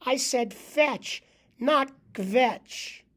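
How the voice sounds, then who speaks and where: A man's voice: very high-pitched, drawn-out words, fairly bright tone, pitched above the performer's own voice, full character voice. Man doing Morty, an exasperated dog owner.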